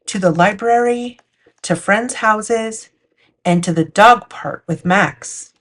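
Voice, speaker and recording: In a mid-range voice, a woman takes her time narrating a children's picture book, reading it aloud as a storytime host.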